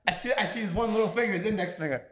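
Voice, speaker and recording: A young man co-hosting a podcast in casual chat, animated as he hypes up stories. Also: high-pitched, racing, a little hiss or hum. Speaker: podcast co-host.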